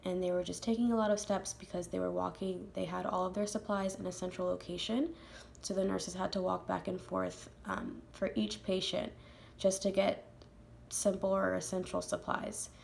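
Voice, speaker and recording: A young woman presents to her class, her voice stuffy from a cold and heavily gravelly with fry. She sits slightly low in pitch and reads steadily, pausing on an occasional um. Faint noise hums under the recording. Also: flat delivery. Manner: reads steadily with some "um" fillers. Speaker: student presenter.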